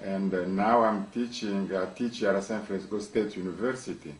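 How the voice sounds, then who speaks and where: A man's voice: low-pitched, normal speed. A man from Congo, a university professor, speaking in an interview with emphatic repetitions and frequent restarts. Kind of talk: interview monologue. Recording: echoey room, mic at a distance.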